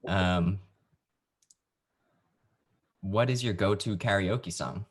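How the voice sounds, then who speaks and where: A man's voice: sits low, drawn-out words. A male podcast host with an easygoing, jokey manner, interviewing a guest over a video call.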